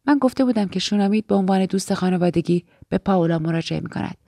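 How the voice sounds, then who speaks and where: Woman audiobook reader, measured delivery, dark and mellow timbre, dry close recording. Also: mid-range voice, no echo. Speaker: audiobook narrator. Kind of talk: scripted narration.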